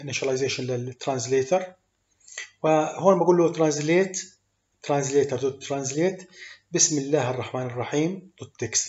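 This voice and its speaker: A man's voice: mid-range voice, a little mellow. Man teaching code in an echoey room. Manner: explains step by step with many fillers, mixing English code terms into Arabic. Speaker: programming instructor. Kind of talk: screen-recorded coding tutorial. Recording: echoey room, dull lo-fi sound.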